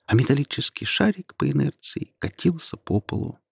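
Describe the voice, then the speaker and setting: A man narrating a storybook in a slow, measured reading. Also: mid-range voice, expressive, creaky, breathy edge, no room sound, studio quality.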